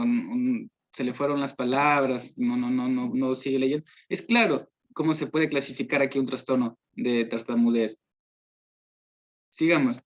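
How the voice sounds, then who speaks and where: Man, classroom presentation, explanatory, restarts words, muffled recording. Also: on the high side. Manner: explanatory, repeats and restarts words, models mispronunciations. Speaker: student presenter. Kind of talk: classroom presentation on speech disorders. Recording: dull lo-fi recording.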